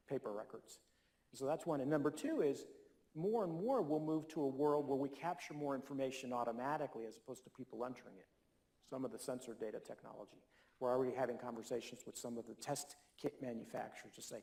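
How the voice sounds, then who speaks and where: Man, keynote speaker, conference Q&A, earnest, persuasive, emphatic, mid-pitched voice. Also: vocal fry, mellow. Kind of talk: conference Q&A answers. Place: conference hall.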